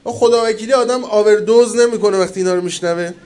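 A man preaching a religious sermon in colloquial speech, asking the audience questions and swinging between loud emphatic peaks and quiet low asides. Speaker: cleric preacher.

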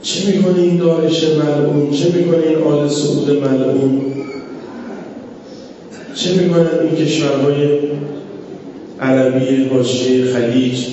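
Male preacher, fervent sermon, rhetorical questions, mellow dark tone, distant mic, long hall echo, muffled. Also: little pitch movement, long pauses, a little hiss or hum. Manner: fervent, rhetorical questions, sudden rises in pitch for emphasis. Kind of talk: impassioned religious sermon with storytelling. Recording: echoey, dull hall recording from far off.

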